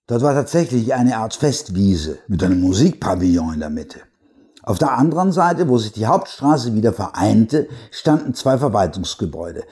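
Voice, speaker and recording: A man reading a horror story aloud in a dramatic, slow, hushed narration. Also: on the low side, husky. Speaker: reader.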